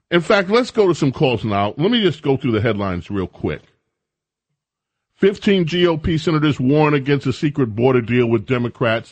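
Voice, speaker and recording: A man's voice: mid-range voice, no room sound. A man hosting talk radio, giving opinionated commentary in a conversational, emphatic way.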